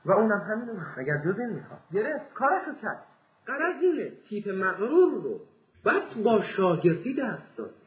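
A man giving a religious lecture, telling stories with lively acted dialogue and reciting scripture. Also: high-pitched. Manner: animated storytelling, acts out the characters. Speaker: cleric lecturer. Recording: echoey, phone-like lo-fi archive recording.

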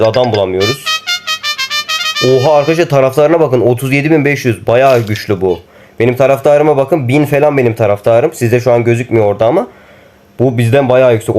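Fast-talking young man playing a game. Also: medium pitch, very noisy. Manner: excitable, teasing opponents, addresses viewers as friends. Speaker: gaming YouTuber. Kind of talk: mobile game commentary.

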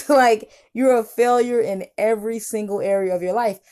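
A woman's voice: a little high, normal speed, warm tone. A woman YouTube commentator giving mocking reaction commentary, talking scornfully and lecturing.

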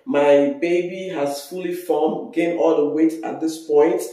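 A woman in her thirties with a Nigerian accent, chatting casually on her vlog, hoarse, congested and tired. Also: low-pitched, steady tone, unhurried, dark tone. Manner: chatty, rambling. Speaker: vlogger. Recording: very echoey room.

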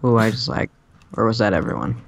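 A man's voice: lowish voice, fairly quick, creaky. A young man chatting casually with friends while playing a game. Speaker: gamer. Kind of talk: casual gameplay chat.

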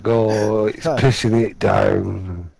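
A man's voice: lowish voice, steady tone, very slow, vocal fry, warm tone, breathy edge. A man chatting over a headset as a teammate in a game, laid back and sweary. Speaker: gaming teammate. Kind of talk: casual gaming party chat.

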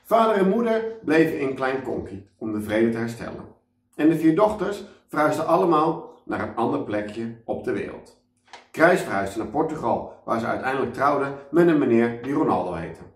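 A man reads a children's story aloud with a lively, bouncing pitch. He sits back from the mic in an echoey room, so the sound is roomy and a bit distant. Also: normal speed. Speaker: children's author reading aloud.

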